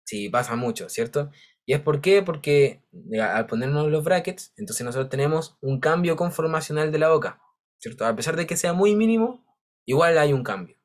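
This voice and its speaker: A man's voice: on the high side, animated, moderate pace. Man, teacher, patient step-by-step explaining, frequent check-ins. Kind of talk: online class lecture.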